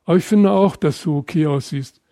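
A man voicing a calm, friendly teenage boy who speaks to his best friend in a gentle, straightforward, reassuring way while reading from a story. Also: fairly high pitch, a little fast, dry recording, clean studio sound, lightly acted. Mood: teasing.

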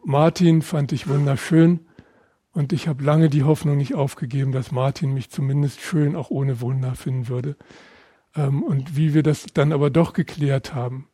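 Older man from Berlin reading his memoir: measured and reflective, with a slightly high, mellow voice and a dry sound. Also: breathy edge, dry recording. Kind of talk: reading aloud from his own book.

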